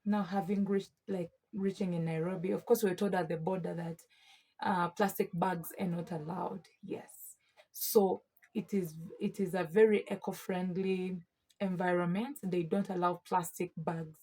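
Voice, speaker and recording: Ugandan woman vlogging in a mellow, husky voice. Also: on the low side, moderate pace. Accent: Ugandan East African English. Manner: emphatic, expressive, often addressing listeners as friends. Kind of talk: casual chatty vlog addressed to viewers.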